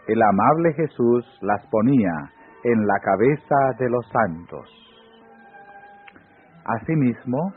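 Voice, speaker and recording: A man giving a slow, solemn devotional reading, rising in pitch on the exclamations. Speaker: reader of devotional text. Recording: phone-like audio with faint music.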